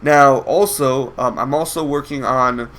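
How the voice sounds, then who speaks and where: A congested young gameplay commentator, clearly feeling sick, rambles through a match with frequent ums and restarts. His mid-range, somewhat bright voice never hurries.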